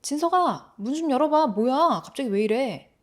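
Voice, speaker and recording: A woman voicing a young man's older brother who talks gently and coaxingly while hiding something sinister. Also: mid-range voice, animated, fairly quick, close to an everyday voice. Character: older brother, soothing on the surface, secretly menacing.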